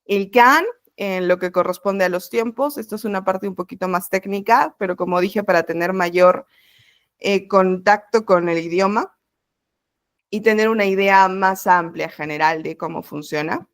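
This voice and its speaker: A woman's voice: medium pitch, normal speed, no room sound, studio quality. A woman teaching an introductory French class online, explaining step by step in a patient way over a video call.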